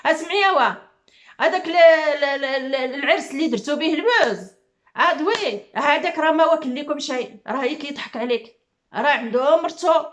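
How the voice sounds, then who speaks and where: A woman's voice: high-pitched, animated, fairly quick. A middle-aged woman with a Moroccan accent ranting to her viewers, heated and accusing, repeating her phrases again and again. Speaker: YouTuber.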